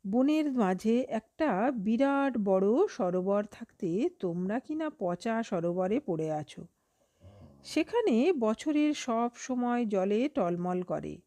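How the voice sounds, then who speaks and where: A woman's voice: a little high, animated, takes it slowly, dark tone, dry recording. A woman doing a sly greedy storybook heron. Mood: sulky. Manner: coaxing, later cruel and then pleading.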